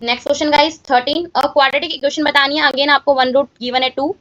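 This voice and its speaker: High-voiced woman teaching maths step by step. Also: steady tone, fairly quick, fairly bright tone, no room sound, lo-fi sound. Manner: talks students through each step with repeated check-in questions. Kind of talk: exam-solution walkthrough lesson.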